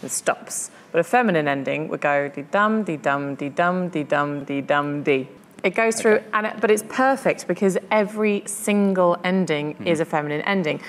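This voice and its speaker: A woman's voice: on the low side, brisk, few pauses, long reverb tail, slight background noise. A woman hosting a podcast, chatting casually about poetry and thinking aloud with fillers. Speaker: podcast host.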